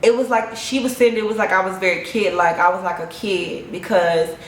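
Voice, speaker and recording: A young woman telling a personal story in a casual, animated, profane vlog monologue. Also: medium pitch, a little fast, slight background noise. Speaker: vlogger. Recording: echoey room, faint ambience.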